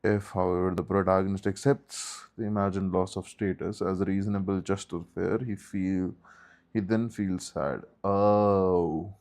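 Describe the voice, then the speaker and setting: A study group leader with a low, darkish voice reads a textbook aloud at a normal speed, his pitch barely moving. He reads steadily but breaks off now and then for short asides.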